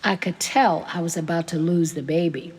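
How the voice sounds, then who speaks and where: A woman voicing a grieving older immigrant farm woman, telling old family memories in a gentle, tearful way. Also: fairly low pitch, steady tone, moderate pace, husky, long reverb tail. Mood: wistful.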